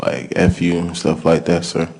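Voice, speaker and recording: A man's voice: low-pitched, monotone, normal speed, darkish tone. A young man testifying as a witness in a courtroom recording, giving terse, polite answers.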